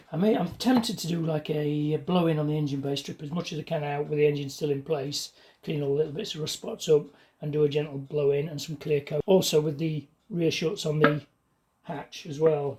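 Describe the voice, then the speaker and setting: A woman's voice: deep voice, background noise. A woman talking casually to camera while spray-painting a car part in her home garage, her voice muffled by a paint mask. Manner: relaxed, chatty running commentary. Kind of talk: casual talk while working.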